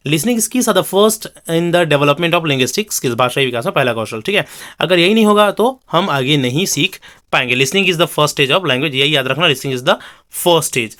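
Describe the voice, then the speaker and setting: A man teaching an exam-prep lecture, explaining in Hindi and reading English definitions out slowly, with frequent check-ins and fillers. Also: a little high, a bit bright.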